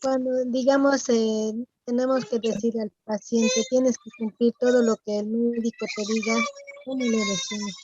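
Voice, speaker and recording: A woman's voice: on the high side, fairly even intonation, normal speed, mellow, breathy edge. A woman student politely asking a question in an online class, with small fillers. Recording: dull, noisy call audio.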